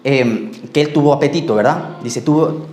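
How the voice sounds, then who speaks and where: A male pastor preaching a sermon and telling personal stories, acting out the dialogue and sometimes trailing off quietly. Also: mid-range voice, normal speed, echoey room, slight background noise. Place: church.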